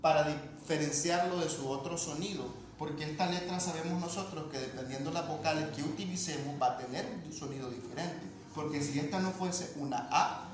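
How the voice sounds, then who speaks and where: A man teaching a language lesson, explaining patiently and checking in with his students. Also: a little high. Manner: patient, repeats points and asks ¿verdad?. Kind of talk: classroom lesson explaining phonetics. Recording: echoey room with faint noise.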